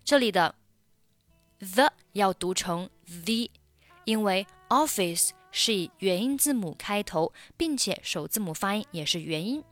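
Woman, Chinese speaker, pronunciation teacher, slow deliberate delivery, dry close sound, faint music. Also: mid-range voice, animated, no room sound. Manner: repeats phrases slowly to model pronunciation. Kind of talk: explaining linking sounds in a lesson.

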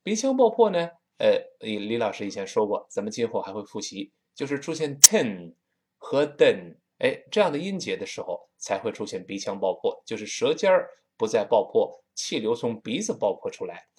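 A man from Tianjin with a Tianjin accent, teaching a spoken English lesson and slowing down to drill each sound. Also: fairly low pitch. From Tianjin, China. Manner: lively, slows down to drill pronunciation.

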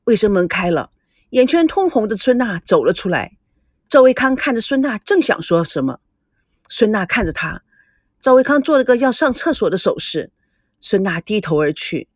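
A woman narrates an audiobook with expressive storytelling, speaking at medium pitch and normal speed. The recording is studio quality with no room sound.

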